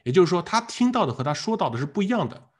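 A husky-voiced man teaches a live online exam-prep class. His pitch jumps around as he quizzes listeners and drills the same word over and over. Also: racing. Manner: animated, asks the class questions and drills words by repetition. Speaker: PTE English teacher.

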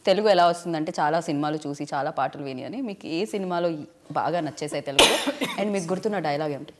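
A woman's voice: deep voice, very fast, a little hiss or hum. A young woman with a South Indian accent, interviewing casually and switching between languages. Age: young adult. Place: indoor press studio.

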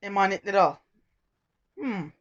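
A man's voice: sits high, lively intonation, normal speed, fairly bright tone, highs cut off. A man hosting a casual let's-play, rambling, joking and correcting himself as he goes. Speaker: gaming video host.

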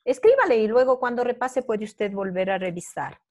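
A woman's voice: a little high, sing-song, moderate pace, a little mellow. A middle-aged woman teacher, patiently explaining a review lesson step by step and checking in with her students. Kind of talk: online class review.

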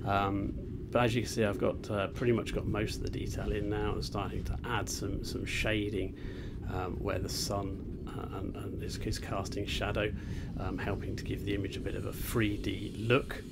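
Seated on rocks outdoors on a beach, an art teacher explains an ink sketching demonstration in a voice on the low side. The recording is very noisy, and he talks hesitantly with many fillers and restarts.

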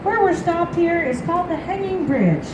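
A woman tour guide in her fifties delivers chatty, informative commentary in a high voice. She comes through an echoey loudspeaker on an open train car. Loud rumbling train noise sits under every word. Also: expressive, moderate pace. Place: open-air car of a moving train in a canyon. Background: rumbling train and outdoor wind.

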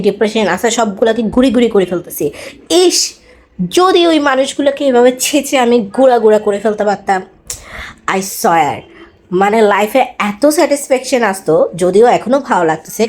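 A young woman, chatting quickly through a casual cooking vlog at home and mixing in English words. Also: mid-range voice, darkish tone, a little hiss or hum. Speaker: cooking vlogger. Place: home kitchen.

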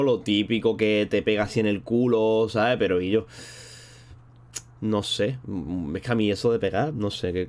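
A man streaming live, chatting casually and rambling in a slangy way while thanking viewers between thoughts. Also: on the low side. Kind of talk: casual livestream chat.

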